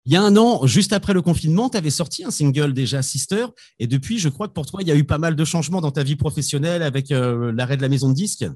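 Guy hosting a music podcast, kinda high voice, reads his questions smooth. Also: animated, quick pace, few pauses, a little mellow, no room sound, clean studio sound. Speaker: host. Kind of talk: scripted radio-style questions.

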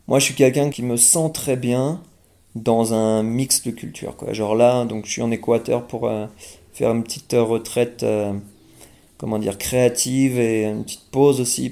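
A young man from France talks casually as an interview guest, his voice low in warmth and roughened with fry. He hesitates often, restarting his sentences and filling gaps. His tone stays relaxed and mellow throughout. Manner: hesitant, many fillers and restarts. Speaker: guest singer-songwriter.

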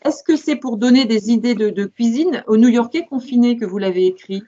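High-voiced woman interviewer, muffled sound. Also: expressive, a little fast, warm tone. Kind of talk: conversational interview questions.

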